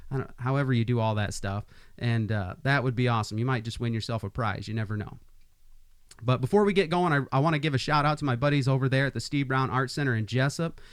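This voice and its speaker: A man's voice: mid-range voice, quick pace, clear, resonant tone, no echo. Brief: forties male podcast host from Iowa, hype-man energy, rambling chatty talk, dry close mic. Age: 40s. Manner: upbeat hype-man intros, chatty with many restarts. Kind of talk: casual podcast interview.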